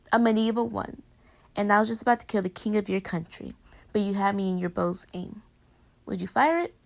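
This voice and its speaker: In an intimate pillow-talk roleplay, a woman with a gravelly, medium-pitched voice plays a playful, clingy young girlfriend. She rambles between murmurs and exclamations, teasing and affectionate.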